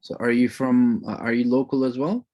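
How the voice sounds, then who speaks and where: A man instructor chatting warmly and rambling a little as he greets students on a video call, sprinkling in religious phrases. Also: medium pitch, steady tone, moderate pace. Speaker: course instructor. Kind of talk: casual chat greeting an online class.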